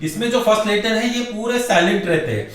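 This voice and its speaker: Echoey high-voiced male grammar teacher. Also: a bit bright. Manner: keeps asking rhetorical questions and answering them himself; repeats key words slowly for emphasis. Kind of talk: classroom-style lecture. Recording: very echoey room, voice far from mic.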